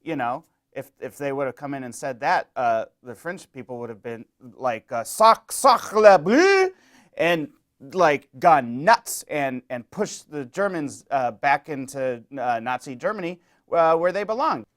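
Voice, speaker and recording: A young adult man hosting a mock-educational comedy monologue, rambling and deadpan with many fillers. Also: mid-range voice, normal speed, hardly any pauses. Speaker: comedy show host.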